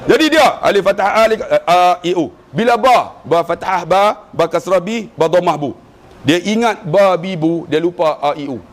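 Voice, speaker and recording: A man's voice: high-pitched, moderate pace. A man from Malaysia with a Malaysian Malay accent, preaching a humorous sermon, telling stories and chanting recitation. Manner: animated storytelling with jokes and chanted recitation.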